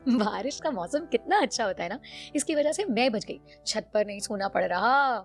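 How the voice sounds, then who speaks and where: Woman doing a young daughter-in-law, high voice, grumbling asides, lively pitch, faint music behind. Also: moderate pace. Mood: sweet. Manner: high, complaining asides to herself.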